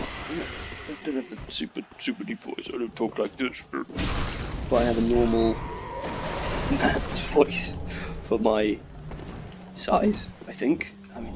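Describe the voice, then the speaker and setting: A man chatting casually while playing a game, drifting off topic, swearing freely, and now and then yelling at enemies in sudden high bursts. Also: noisy background. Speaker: gamer commentating his playthrough. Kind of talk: casual rambling gameplay commentary.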